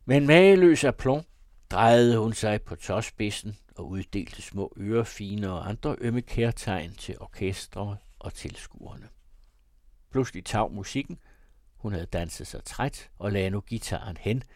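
A man reading a classic novel aloud as audiobook narrator, in a measured, even storytelling manner. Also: lowish voice, no echo, studio quality.

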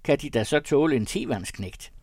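A man voicing a jovial, booming old country pastor who fires hearty, teasing questions at a guest. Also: lively intonation, darkish tone, breathy edge, no room sound, clean studio sound.

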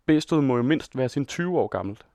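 A man's voice: mid-range voice, expressive, a little mellow, no room sound, natural voice. A man voicing a mocking peasant in a drunken crowd, jeering in disbelief. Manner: jeering, incredulous.

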